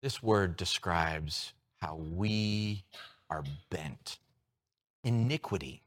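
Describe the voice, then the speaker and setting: A man preaching a sermon, moving from hushed, low lines to loud, excited ones as he acts out everyday scenes. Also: very slow. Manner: animated, with props and shifts from hushed to loud. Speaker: pastor.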